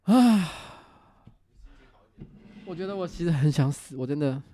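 A man's voice: on the high side, animated, unhurried, mellow. A middle-aged man with a Taiwanese Mandarin accent hosting a casual livestream, talking candidly and rambling with restarts. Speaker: host and city councilor.

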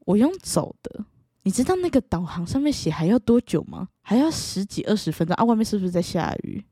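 Talking to the camera in a husky voice at a fairly quick pace, a young woman with a Taiwanese Mandarin accent vents in a casual vlog. She's animated and exasperated, swinging her pitch widely as she performs both sides of quoted conversations. The audio is close-miked and dry, with no room sound.

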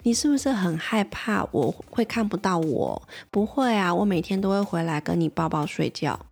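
A woman voicing a five-year-old big sister who slowly and gently comforts her younger sibling. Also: fairly low pitch, lively intonation, vocal fry, breathy edge, exaggerated voice. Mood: soothing. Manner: slow, coaxing and comforting.

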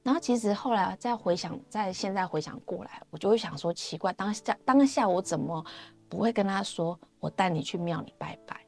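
A woman's voice: medium pitch, a little fast, vocal fry, darkish tone, faint music behind. A woman with a Taiwanese Mandarin accent sharing her personal faith testimony in a chatty, storytelling way, often trailing off with fillers.

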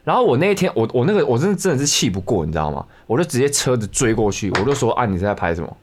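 A young man with a Taiwanese Mandarin accent tells a story quickly and in a rambling way. He often restarts and repeats words. His pitch moves a lot, which keeps the chat animated. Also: a little hiss or hum. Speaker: podcast co-host.

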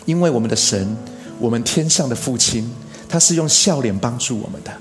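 A man delivering a sermon as a pastor, earnest, stressing phrases by slowing down and lifting his voice. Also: mid-range voice, animated, faint music behind. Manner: earnest, preaching with emphatic rises and slow stressed phrases.

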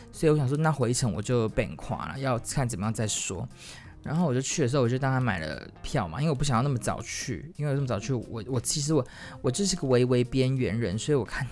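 一位台湾国语口音的男生，随性地讲自己的经历，边说边改口，激动时声音一下拔高。. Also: male voice. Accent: Taiwanese Mandarin. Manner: rambling, frequent self-corrections and restarts; animated, jumps to high excited exclamations. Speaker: solo podcaster. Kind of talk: casual storytelling monologue.

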